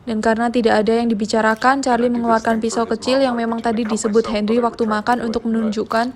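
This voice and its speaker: Female recap narrator, slightly high voice, steady plot retelling. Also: fast, a crowd in the background. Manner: plain, steady retelling with a brief casual aside at the end. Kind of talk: storytelling film recap.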